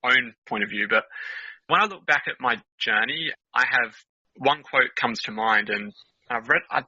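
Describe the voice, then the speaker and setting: A man's voice: medium pitch, moderate pace, bright, forceful tone, husky, dry recording, lo-fi sound. A young man, chatting casually as a guest on a podcast, with lots of fillers and laughter. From Australia.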